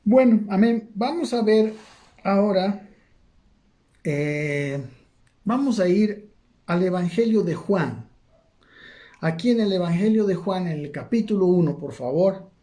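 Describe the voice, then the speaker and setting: A man's voice: high voice, mellow. Man preaching a Bible study, conversational. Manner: conversational, asks "¿no?" again and again, many restarts.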